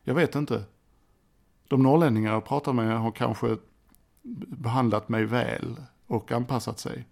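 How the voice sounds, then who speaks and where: A man's voice: medium pitch, steady tone, gravelly, a little mellow. A middle-aged man hosting a solo podcast, chatty and rambling, often restarting his sentences. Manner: rambling, self-deprecating, chatty with many restarts. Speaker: podcast host. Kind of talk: casual solo podcast monologue. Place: indoors at a desk. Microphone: desk microphone by a computer.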